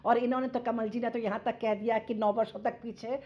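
Emphatic high-voiced woman debating politics. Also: little pitch movement, a little fast, muffled recording. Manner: emphatic, rhetorical, repeats phrases. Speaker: Congress party panelist.

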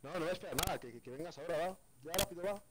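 A man's voice: on the high side, racing, very noisy. A man on voice chat during a game, brash and mocking toward his friend. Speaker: teammate on voice chat. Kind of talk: casual gaming chat.

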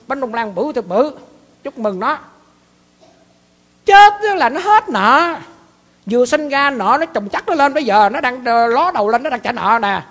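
A man with a Southern Vietnamese accent and a very high, slightly bright voice gives a dharma talk as a monk and abbot. His style is folksy and repetitive, like storytelling. The recording carries a long hall reverb.

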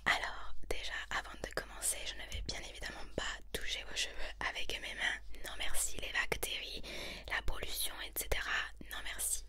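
A woman in her twenties with a southern French accent in a whispered role-play, quickly whispering close to the mic as a bossy, fussy, tactless hairdresser. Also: sharp tone. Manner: rapid, bossy whispering with repeated tag questions. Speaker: ASMR performer playing a hairdresser.

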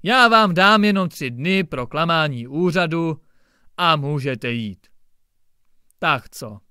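A short-tempered old-fashioned judge who snaps and scolds, his voice pitched up and loud, put on by a man reading a story. His speech swoops with lively pitch. The sound is close and dry. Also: clear, resonant tone, dry recording. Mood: scolding. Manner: barking, scolding outbursts. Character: irritable blustering male district judge, middle-aged.

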